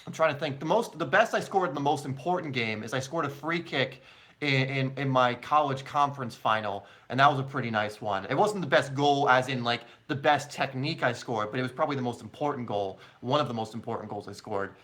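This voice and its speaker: Born in England and long settled in the United States, a man hosts a soccer live stream and answers questions. He's chatty and informal, calling viewers "mate" and "guys," and speaks a little fast at medium pitch with a fairly bright tone.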